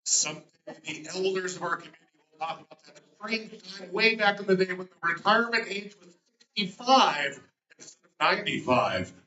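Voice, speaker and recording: A man's voice: sits high, animated, crowd noise. Joking man calling bingo, roomy lo-fi. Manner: playful, punning lead-ins before each number, repeats the digits slowly. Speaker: bingo caller. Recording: roomy, dull lo-fi sound.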